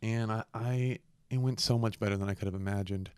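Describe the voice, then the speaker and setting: A man's voice: fairly low pitch, steady tone, fairly quick, a little mellow, clear, resonant tone, no echo. A young man hosting a podcast in a casual, reflective solo monologue, earnest and a bit congested and sniffly from a cold. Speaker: podcast host.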